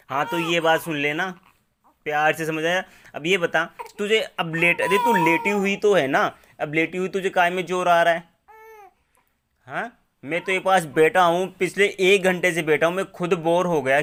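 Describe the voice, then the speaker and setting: A man's voice: high voice, pushed and bright. A father giving his infant daughter a playful mock scolding, lecturing her with one rhetorical question after another.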